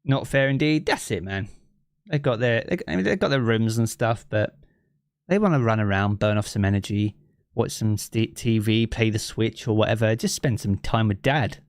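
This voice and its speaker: A game streamer from southeast England with a local accent chats casually with his live-stream audience from his living room, reading chat aloud and thinking out loud with lots of fillers in an easygoing way. His lowish voice has lively intonation at a moderate pace, captured on a streaming mic with effects in clean studio sound with no echo.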